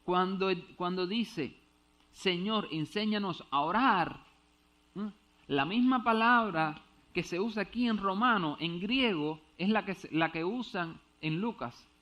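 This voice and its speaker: A man's voice: high-pitched, measured pace, fairly bright tone. A male preacher teaching a Bible passage in a church, explaining step by step, checking whether he is understood and stumbling over Greek words.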